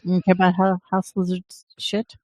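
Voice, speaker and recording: A podcast host recaps a radio show, telling the story in a crude, meandering, casual manner. His voice is high-set, mellow and monotone at a moderate pace, recorded dry on a headset or desk mic during a live stream.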